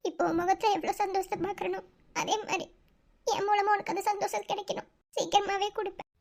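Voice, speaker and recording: A woman's voice: high-pitched, little pitch movement, unhurried, mellow. A woman acting an affectionate, saddened young aunt in a drama. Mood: hopeful.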